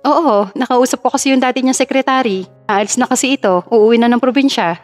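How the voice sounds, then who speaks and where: A woman's voice: fairly high pitch, fairly quick, soft background music, lightly acted. A woman voicing a chatty, gossipy young female friend in an audio story. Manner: giddy, gossipy.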